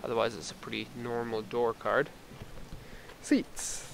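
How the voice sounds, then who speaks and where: Here the exporter, a middle-aged man, presents the car at a measured pace and medium pitch, relaxed and thinking out loud without a script. The recording is low quality, made with a handheld camera mic outdoors by the parked car and inside it, with clear ambient noise.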